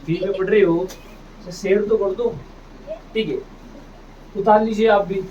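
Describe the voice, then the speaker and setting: A male phonics teacher with a high-pitched, steady voice works through English words at a measured pace, repeating each and getting the class to respond. He calls the children "beta"; the recording is far-off, dull and noisy.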